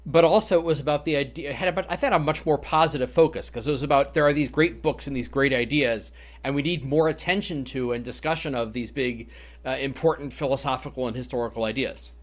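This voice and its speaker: A man's voice: medium pitch, fast. A man hosting a podcast, speaking reflectively and thinking aloud, with frequent restarts as he works through his ideas. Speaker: podcast host. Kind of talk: conversational podcast interview.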